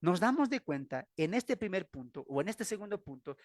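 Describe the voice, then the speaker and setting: A man's voice: sits high, very animated, normal speed, no room sound, studio quality. A man with a Bolivian accent teaching a Bible class, emphatic and full of rhetorical questions. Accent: Bolivian Spanish.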